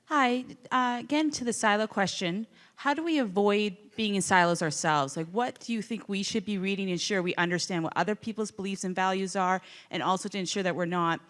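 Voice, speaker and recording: A woman's voice: medium pitch, fairly quick, few pauses, a bit bright. A woman in the audience asking an earnest, carefully worded question.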